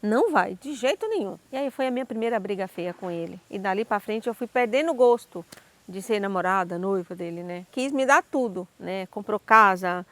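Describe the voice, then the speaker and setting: Her mid-range voice moving fairly quickly, a woman with a Brazilian Portuguese accent recounts her life story as a lively personal testimony. She acts out the dialogue as she tells it.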